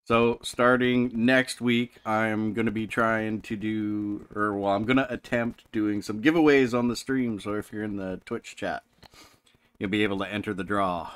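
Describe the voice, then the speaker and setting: A man's voice: fairly low pitch, steady tone, moderate pace, fairly bright tone, smooth, no room sound. A man hosting a live game stream, coaching other players and joking around. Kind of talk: casual gaming chat.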